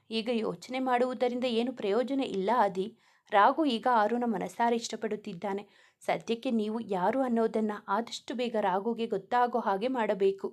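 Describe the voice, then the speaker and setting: A woman's voice: on the high side, darkish tone, close to an everyday voice. A woman voicing a caring young man who reassures his friend in a soothing way.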